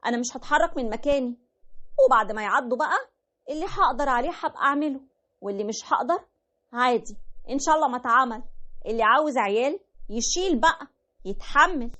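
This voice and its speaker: Woman as petulant young wife, Egyptian accent, high-pitched, complaining, fast. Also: lively intonation, sharp tone. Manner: whiny, complaining.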